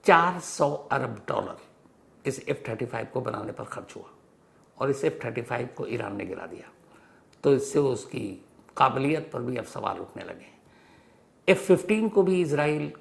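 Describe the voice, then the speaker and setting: A man hosting a news explainer program tells the story behind the news emphatically, often posing questions and restating ideas for clarity. His voice is gravelly and medium in pitch.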